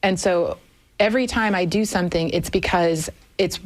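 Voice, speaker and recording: A woman's voice: on the low side, normal speed. A woman in her fifties, a guest on a radio talk show, speaking candidly and thoughtfully, with frequent fillers. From Germany. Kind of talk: conversational radio interview. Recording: radio studio.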